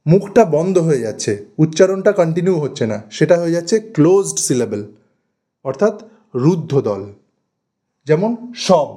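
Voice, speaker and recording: A man with a West Bengal Bengali accent teaches grammar for exam prep, talking slowly and deliberately while repeating and drawing out example words. His voice is on the high side with a dark tone.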